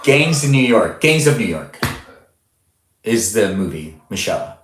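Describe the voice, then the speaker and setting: A man's voice: fairly low pitch, very animated, measured pace, fairly bright tone, roomy sound, slight background noise. A man in his twenties hosting a live stream, casually chatting and reading out viewer comments with frequent laughs. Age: 20s. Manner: chatty, reads viewer names aloud, laughs often. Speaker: livestream host.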